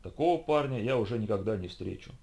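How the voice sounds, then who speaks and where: A man voicing an emotional young woman secretary, shrill and distraught. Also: expressive, quick pace, vocal fry, darkish tone. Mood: tearful.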